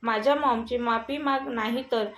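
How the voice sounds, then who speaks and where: A woman's voice: on the high side, fairly even intonation, moderate pace, fairly bright tone, lightly acted. A woman voicing an arrogant, hot-tempered young husband who gives angry commands, recorded in an echoey room.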